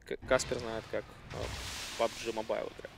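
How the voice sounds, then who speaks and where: A man's voice: lowish voice, level tone, moderate pace, gravelly. Analytical male esports caster over faint noise. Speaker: esports commentator. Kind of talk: live game commentary, analytical.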